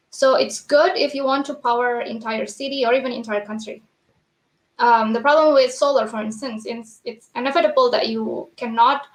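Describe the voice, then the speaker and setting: A young woman gives an informal lightning talk over a video call, halting at times and correcting herself as she goes. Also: on the high side. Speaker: conference speaker, geologist and product manager. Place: small indoor room, remote video presentation. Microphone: headset on a video call. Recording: echoey room on video call.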